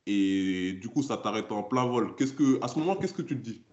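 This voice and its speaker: A man hosting a conversational interview, relaxed as he asks follow-up questions. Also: fairly low pitch, moderate pace. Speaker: podcast host. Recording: roomy, dull-sounding recording.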